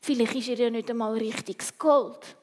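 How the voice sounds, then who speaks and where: A woman's voice: on the high side, fairly even intonation, normal speed, a little mellow, big-room sound, a little hiss or hum, lightly acted. A woman voicing a cheeky young boy mouse in a storybook reading.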